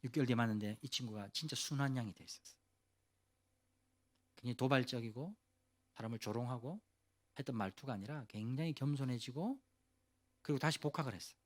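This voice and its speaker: A male pastor giving a youth sermon, telling a story in an animated, casual way and asking the listeners questions directly. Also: medium pitch, quick pace, pauses often. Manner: asks the audience questions directly.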